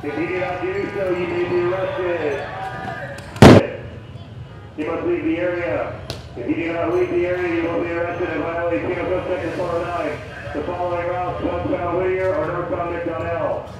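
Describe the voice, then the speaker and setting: A man, a sheriff's deputy, reading a stern, repetitive dispersal order that blares through a loudspeaker sound cannon. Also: high voice, flat delivery, moderate pace, long pauses, muffled recording. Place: outdoor street intersection. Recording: echoey street loudspeaker from far off, loud noise.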